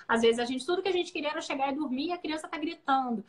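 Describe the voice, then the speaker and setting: A woman giving parenting advice in a casual live chat, animated, acting out parents' and children's voices. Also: high voice, racing. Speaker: guest parenting educator. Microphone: video call.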